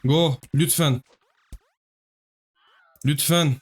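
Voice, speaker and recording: A man giving live gameplay commentary, excitable, pleading with the game and cursing at it. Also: fairly high pitch, extremely slow, slightly rough. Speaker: gaming YouTuber.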